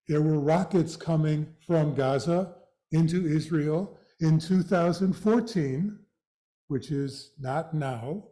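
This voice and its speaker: An older man with vocal fry giving an educational talk in a measured, halting, explanatory way. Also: fairly high pitch, mellow. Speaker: guest speaker, retired executive director. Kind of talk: educational presentation to a live audience.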